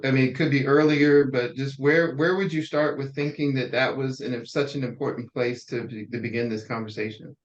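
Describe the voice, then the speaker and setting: A man's voice: mid-range voice, steady tone, normal speed, hardly any pauses. A man hosting an interview, framing long, careful questions in a conversational tone. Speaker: interviewer host. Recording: dull lo-fi audio.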